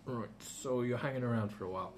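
A man's voice: mid-range voice, quick pace, a little mellow. A man running a tabletop game as game master, casual and matter-of-fact. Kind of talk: casual narration and chat during tabletop game. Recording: noisy group recording.

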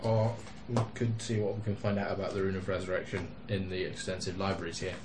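Low-voiced man in echoey room. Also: little pitch movement, fast, background noise. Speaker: tabletop game player. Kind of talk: casual improvised role-play banter.

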